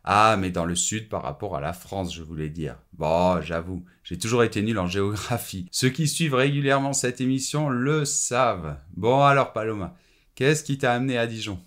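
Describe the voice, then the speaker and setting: A man's voice: fairly low pitch, normal speed, fairly bright tone, natural voice. A man playing a chatty, self-mocking student radio host interviewing a guest in a scripted French lesson. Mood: upbeat. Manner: upbeat, friendly interviewer.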